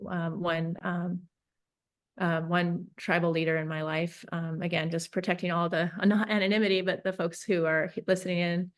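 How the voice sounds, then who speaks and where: A woman from Northern California, a peacemaker and facilitator, talking through her thoughts in an interview with many pauses and restarts. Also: on the low side, flat delivery. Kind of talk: reflective interview talk.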